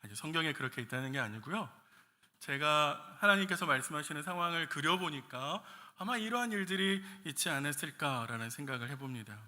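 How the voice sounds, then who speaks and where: Bright-voiced male pastor preaching. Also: a little high, expressive, brisk. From Gyeongsang region, Korea. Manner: asks the congregation many rhetorical questions. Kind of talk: sermon. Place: church sanctuary. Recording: echoey church hall.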